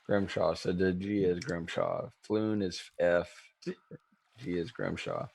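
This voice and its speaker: A man's voice: sits low, fairly even intonation, slow pace, creaky, darkish tone, breathy edge. A man playing a tabletop game, chatting casually in a blunt, questioning way. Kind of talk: casual chat.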